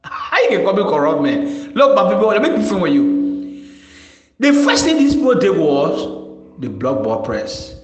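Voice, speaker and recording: A man's voice: sits high, big pitch swings, a little slow, echoey room, over loud music, poor audio. A young man from Liberia with a Liberian English accent, making an impassioned public statement as a former official and hammering home rhetorical questions. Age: young adult.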